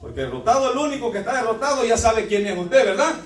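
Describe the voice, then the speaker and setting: A man's voice: very high-pitched, sing-song, fast talker, reverberant, distant mic. A man preaching a fervent sermon in a church, often addressing the congregation as brothers.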